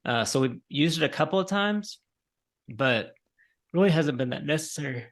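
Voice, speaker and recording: A man in his forties co-hosting a podcast, telling a rambling story in a relaxed, tired way with many fillers. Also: fairly high pitch, fast talker, a crowd in the background. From Colorado, USA. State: tired, yawning. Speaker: podcast co-host. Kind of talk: casual chat.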